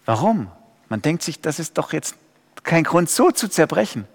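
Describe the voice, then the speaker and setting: A man preaching a sermon, dropping to quiet and rising to loud pleading cries. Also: on the high side, very animated, normal speed, slightly rough, in a large hall.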